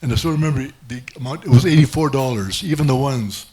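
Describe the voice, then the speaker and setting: A man's voice: mid-range voice, quick pace, a crowd in the background. A man doing stand-up, telling a rambling self-mocking story with many restarts. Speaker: stand-up comedian. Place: comedy club stage.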